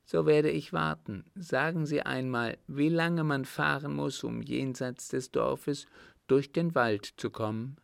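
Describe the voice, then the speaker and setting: An indignant, flustered count with a raised, incredulous way of questioning, as a man puts him on in a higher voice. He sounds slow and gravelly, as if reading from a storybook, with a dry, close sound. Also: fairly even intonation, no room sound.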